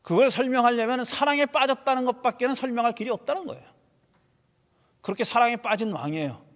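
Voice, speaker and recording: A man preaching a sermon as a pastor, animated, voicing laments and rhetorical questions. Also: very high voice. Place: church sanctuary. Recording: church hall with long reverb.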